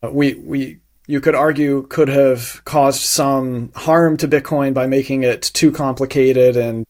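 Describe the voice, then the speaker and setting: Man, mid-pitch guest for interview, thoughtful explainer, measured delivery, frequent restarts. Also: fairly even intonation, darkish tone. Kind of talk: explanatory conversational interview answers.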